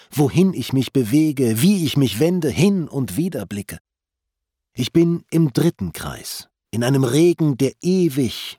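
A man reading an epic poem aloud in a measured, solemn verse recitation. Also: medium pitch, mellow, husky, no room sound, studio quality. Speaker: audiobook reader.

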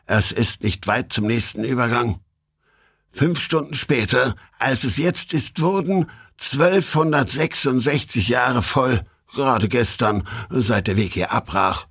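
A man voicing a scheming male devil captain who barks commands at his troop in a storybook reading, with a husky voice. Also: medium pitch, measured pace, a bit bright, no room sound, studio quality, exaggerated voice. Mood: commanding. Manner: barking orders.

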